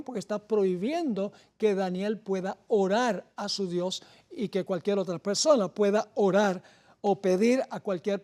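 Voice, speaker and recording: Slow, deliberate woman preaching a sermon. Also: mid-range voice, dark tone. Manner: deliberate, emphatic preaching with rising stress on scripture quotes.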